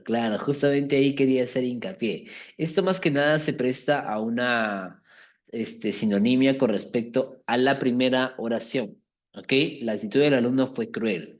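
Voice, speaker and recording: A man teaching a class, explaining an exercise step by step and often checking that students follow. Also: mid-range voice. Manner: keeps checking understanding with tag questions.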